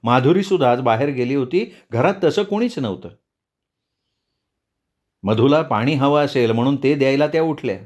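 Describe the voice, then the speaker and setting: A male storyteller reads a novel aloud at a medium pitch. His delivery is measured and expressive, in the manner of an audiobook narration.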